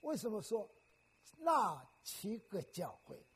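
A man's voice: high-pitched, wildly swooping pitch, slow pace, a bit bright, slightly rough. An older man preaching a sermon in a teacherly way, often putting questions to the congregation.

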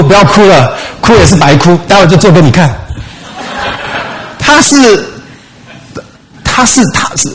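Man preaching an animated sermon. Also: fairly high pitch, rough recording. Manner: animated storytelling, rhetorical questions, mixing in English words. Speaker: pastor.

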